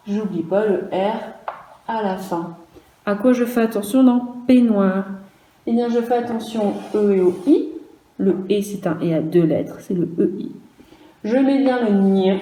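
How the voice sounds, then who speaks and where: A woman teaching young children a dictation lesson, speaking slowly and carefully, spelling out letters one by one and repeating each word. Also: medium pitch, warm tone, echoey room, slight background noise, rough recording. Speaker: primary school teacher.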